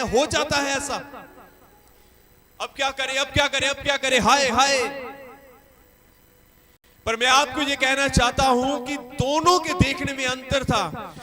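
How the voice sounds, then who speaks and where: Man, pastor, sermon, very high-pitched, emphatic, repeats himself, crowd noise behind. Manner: emphatic, repetitive preaching with hallelujah calls.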